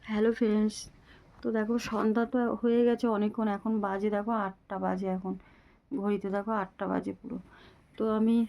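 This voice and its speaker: A woman who is sick with a fever, talking softly and weakly to her viewers in a casual home vlog. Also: mid-range voice, flat delivery, fairly quick, gravelly, lo-fi sound. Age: adult mother. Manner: speaks softly, often near a whisper. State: ill with fever, weak voice. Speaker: family vlogger.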